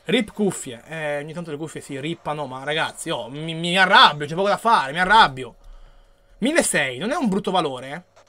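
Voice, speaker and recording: A man giving live commentary while he plays a video game. He reads the chat aloud and yells and swears when the game goes wrong. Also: a little high, expressive, fairly quick, dry recording. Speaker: gaming streamer.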